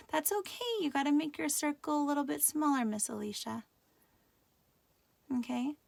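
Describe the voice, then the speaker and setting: A woman's voice: a little high, vocal fry. A middle-aged woman teaching a live craft tutorial, patient and often checking that viewers can follow.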